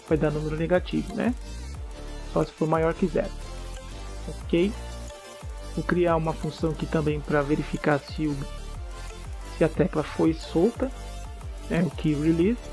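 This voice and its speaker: A man walks through code in a casual screencast tutorial. His voice sits a little high and carries a gravelly edge. Faint music plays underneath as he explains each step. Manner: relaxed, explains step by step with frequent "né?" checks. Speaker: programming tutor.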